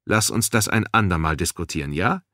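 A man's voice: low-pitched, animated, fairly quick, pushed and bright, no room sound, studio quality. A man voicing a dismissive superior officer. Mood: puzzled.

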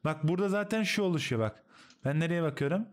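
A man's voice: fairly high pitch, expressive, quick pace. A man streaming and explaining a game replay to his teammates, coaching in a casual, slangy way. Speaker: streamer analyzing a match replay.

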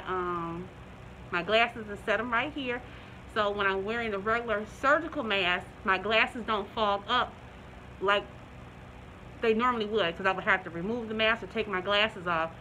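A middle-aged woman reviewing a product in a casual vlog, talking through a face mask, chatty and relaxed with many ums and restarts. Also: mid-range voice, a little hiss or hum, rough recording.

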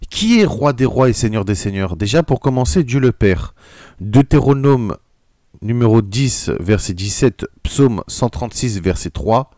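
A man's voice: medium pitch, dark tone, no echo, clean studio sound. A man preaching in an audio sermon, reading quotes aloud and reacting with indignant exclamations. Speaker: religious video preacher.

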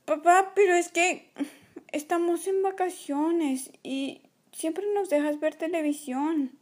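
A woman voicing a whiny little toy girl with a squealing, very high voice in a toy play video. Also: steady tone, slow, darkish tone. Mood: pleading.

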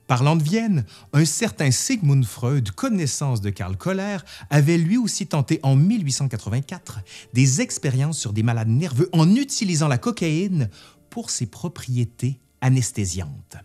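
Lively man narrating history. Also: on the high side, moderate pace, soft background music. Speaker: history video host. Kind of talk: scripted narration.

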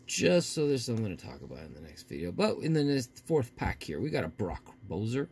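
A man with a gravelly voice giving casual, folksy unboxing commentary as a host talking to his viewers. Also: on the low side, sing-song, a little fast, darkish tone. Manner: folksy, often addressing viewers. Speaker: host of a card pack opening video. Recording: faint noise with crinkling wrappers.

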